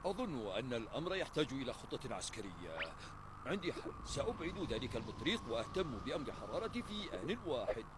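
Animated, bumbling cartoon sergeant acted by a man. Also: medium pitch, fast, background noise, natural voice. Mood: scheming, indignant. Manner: self-important, melodramatic. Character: bumbling, feverish military sergeant obsessed with a thieving penguin. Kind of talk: dubbed cartoon acting.

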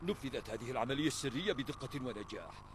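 A man's voice: mid-range voice, animated, fast talker, background noise, close to an everyday voice. A man playing a bumbling, self-important, feverish military sergeant in a dubbed cartoon, with melodramatic delivery. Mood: scheming, indignant.

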